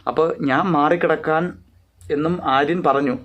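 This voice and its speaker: A man's voice: fairly high pitch, fairly even intonation, moderate pace, a bit bright. A man casually recapping a reality show episode, rambling along with frequent fillers and repeated reporting phrases.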